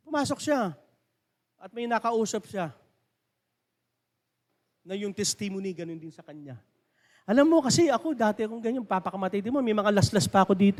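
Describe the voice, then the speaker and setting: A man with a Filipino accent preaching a sermon as pastor, swinging between loud and soft emphasis and putting questions to the congregation. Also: high-pitched, long reverb tail.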